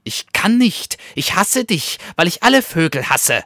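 A man's voice: high voice, sing-song, unhurried, sharp tone, no echo, studio quality, pitched above the performer's own voice, exaggerated voice. A man voicing a hostile weasel who hisses its threats in a storybook fable. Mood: hateful. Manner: hissing, snappy. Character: hostile weasel, hissing and hateful.

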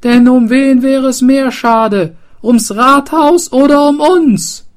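A shrill, frantic town mayor. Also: male voice, slow pace. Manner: shrill, shouting delivery. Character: panicked old-time town mayor, frantic and foolish.

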